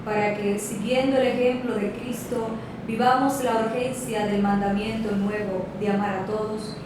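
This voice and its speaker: A woman reading the prayers of the faithful at Mass in a slow, measured liturgical style. Her voice carries a heavy church echo from afar. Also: medium pitch, fairly even intonation, noisy background. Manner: slow, measured intoning with set refrains. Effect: heavy church echo, heard from afar. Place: large church. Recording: reverberant church from far off, guitar behind.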